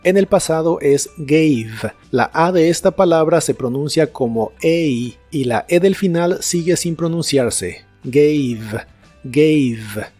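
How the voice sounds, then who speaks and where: A man teaching English vocabulary in a scripted lesson, repeating each word slowly and carefully. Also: on the high side, animated, darkish tone, soft background music. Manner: slow, careful pronunciation drills.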